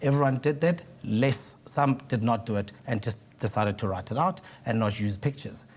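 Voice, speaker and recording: Man, medium-pitched contestant. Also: normal speed. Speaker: talent show contestant. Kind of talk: explaining himself to judges.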